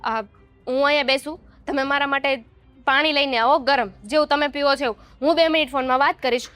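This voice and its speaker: A woman's voice: sits high, steady tone, fairly quick, fairly bright tone, dry recording, faint music behind. A woman acting a put-upon young daughter-in-law who answers back sarcastically in a family drama. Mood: sarcastic.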